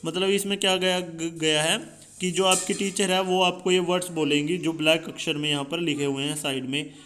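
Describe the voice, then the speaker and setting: A young man with an Indian accent teaching a school English lesson. He reads the English lines slowly, then explains them in Hindi. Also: on the high side, fairly even intonation, a bit bright, a little hiss or hum.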